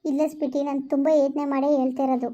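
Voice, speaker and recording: A woman's voice: high voice, level tone, very fast, mellow, natural voice. A woman acting as a scheming, determined young woman in a village family drama, speaking emphatically. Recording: dull lo-fi recording.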